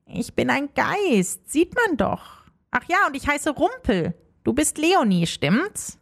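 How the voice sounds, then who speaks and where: A woman's voice: high voice, very animated, slow pace, creaky, voice pushed up, exaggerated voice. Woman voicing a small friendly ghost. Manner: earnest, a little anxious.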